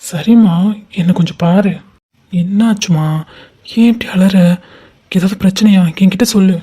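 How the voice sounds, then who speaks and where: A woman voicing a caring young man in a cartoon, who asks questions in a soft, coaxing way. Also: medium pitch, normal speed, breathy edge, close to an everyday voice. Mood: concerned. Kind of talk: animated cartoon voice acting.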